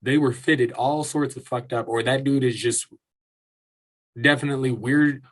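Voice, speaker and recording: A man's voice: medium pitch, fairly even intonation, moderate pace. A man hosting his own show, ranting casually in an exasperated way, full of swearing and restarts. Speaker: podcast host. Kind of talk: casual solo rant.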